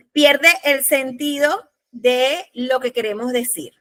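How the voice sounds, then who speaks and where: Woman lecturer, bright and high, unhurried, drawing out examples. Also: dry recording. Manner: patient, spells out examples slowly. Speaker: law course instructor. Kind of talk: lecturing on spelling rules. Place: classroom or online class.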